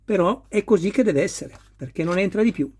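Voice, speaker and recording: Husky Italian-speaking man building a model. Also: high voice, expressive, a little fast, darkish tone. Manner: patient, talks viewers through each step. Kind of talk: hands-on assembly tutorial.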